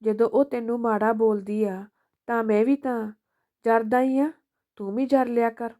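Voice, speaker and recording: A woman's voice: on the high side, fairly even intonation, normal speed, warm tone, muffled recording, lightly acted. A woman voicing a grown son who is short-tempered and scolds his mother, in a storybook reading. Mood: scolding.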